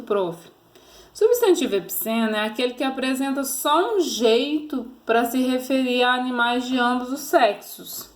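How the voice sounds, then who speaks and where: A woman's voice: on the high side, fairly bright tone. A Brazilian woman teacher giving a recorded grammar lesson to children, patiently posing fill-in questions and coaxing answers. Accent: Brazilian Portuguese.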